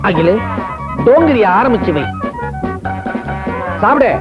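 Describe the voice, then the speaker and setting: A man's voice: very high-pitched, big pitch swings, measured pace, heavily acted. A man playing a put-upon father-in-law who grumbles and complains in a comic way. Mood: grumbling. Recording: dull lo-fi film soundtrack with music.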